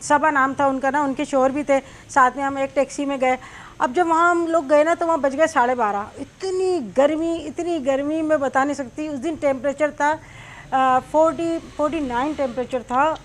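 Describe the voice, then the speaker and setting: A middle-aged woman, host of a cooking channel, chattily telling a long personal story while she cooks, with many small fillers. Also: high voice.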